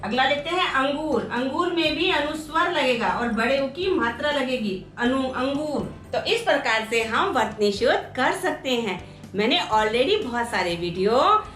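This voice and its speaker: A high, bright-voiced woman teaches at a slow, careful pace, repeating each word so students can follow. Her voice rings in an echoey room with faint music underneath. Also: expressive. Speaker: Hindi teacher. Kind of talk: explaining a grammar exercise.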